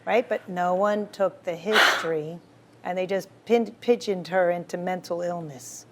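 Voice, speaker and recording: A woman's voice: on the low side, unhurried, a little hiss or hum. A woman doctor being interviewed, explaining medicine and cases in a confident, explanatory way and often saying "right.". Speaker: physician, guest.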